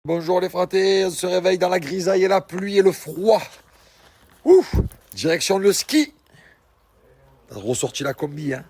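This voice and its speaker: A man vlogging on the go, boisterous and joking, sometimes shouting. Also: sits high, expressive, normal speed, long pauses, no echo. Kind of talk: energetic vlog on the go. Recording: loud crowd noise behind.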